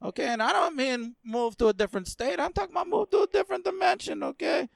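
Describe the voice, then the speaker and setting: A man's voice: very high voice, fast talker, creaky, no room sound, studio quality, pitched above the performer's own voice, full character voice. A man voicing a rambling, spaced-out old stoner oddball making a prank phone call. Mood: pleading.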